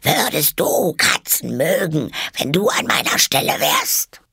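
A man voicing an angry, trembling little mouse in a storybook reading, with a shrill, shrieking voice. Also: big pitch swings, a little slow, gravelly, pushed and bright, husky, no echo, clean studio sound, heavily acted. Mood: furious.

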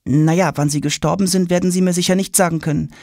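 A man's voice: sits high, steady tone, fast, darkish tone, no room sound, clean studio sound, pitched above the performer's own voice. A man voicing a curious, hasty schoolboy who asks question after question. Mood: eager questioning. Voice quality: eager, questioning. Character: curious, hasty schoolboy, polite but impatient.

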